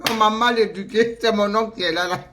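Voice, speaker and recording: Woman, Ivorian French accent, middle-aged, mocking vlog rant, frequent laughter, bright forceful tone. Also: mid-range voice, a little fast, a little hiss or hum. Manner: teasing, laughs often, animated. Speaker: vlogger.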